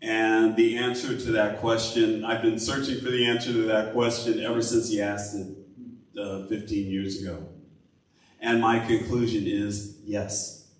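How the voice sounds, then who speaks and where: A man's voice: fairly low pitch, level tone, a little slow. Minister, male, earnest sermon delivery; distant mic in a very echoey sanctuary. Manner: earnest, building to an impassioned call, then a soft prayer. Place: church sanctuary.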